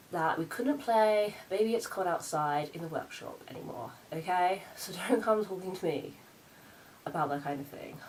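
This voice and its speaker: A woman's voice: medium pitch, darkish tone, a little hiss or hum, voice pushed up, close to an everyday voice, poor audio. A woman playing Santa's sassy, self-important grown daughter in a campy comic vlog, presenting gift ideas theatrically. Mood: campy indignation, then sassy, boastful.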